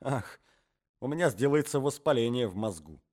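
A man's voice: medium pitch, lively intonation, normal speed, a little mellow, voice pushed up, close to an everyday voice. A man voicing a jealous middle-aged man who pleads and laments in an agitated way. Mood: lamenting.

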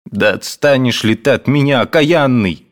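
A man voicing a sharp-tongued woman housekeeper who scolds and snaps. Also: mid-range voice, expressive, normal speed, pitched above the performer's own voice, close to an everyday voice. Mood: scolding. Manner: scolding, snapping.

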